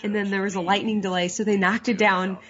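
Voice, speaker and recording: A woman's voice: medium pitch, level tone, fast talker, crowd noise. A woman with a nasal, congested voice from a cold, chatting casually as a podcast co-host and laughing often. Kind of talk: casual chat. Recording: dull lo-fi audio.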